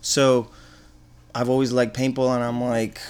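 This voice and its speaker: A middle-aged man from Argentina, a business owner answering interview questions in a relaxed, rambling way with many fillers. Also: mid-range voice, a little slow, smooth.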